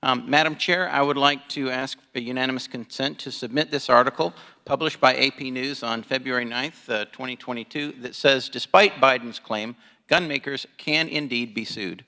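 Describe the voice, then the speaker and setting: A man speaking as a politician at a legislative hearing, halting and formal, questioning and partly reading out. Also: mid-range voice, bright, forceful tone. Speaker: politician, congressman questioning a witness. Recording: reverberant hearing room.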